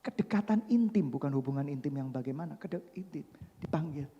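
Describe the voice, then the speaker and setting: Man preaching with swings from loud to hushed, in a long-reverb hall. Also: fairly high pitch, lively intonation, a little fast, breathy edge, muffled recording. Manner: dramatic swings from loud emphatic preaching to soft hushed asides; jokes and mimics people mid-sermon. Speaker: pastor. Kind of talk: sermon.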